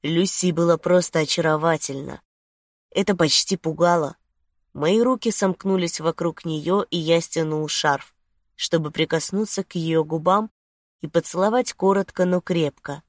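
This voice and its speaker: A woman calmly reading a romance novel aloud as its narrator. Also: fairly low pitch, moderate pace, no echo, clean studio sound. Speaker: audiobook narrator.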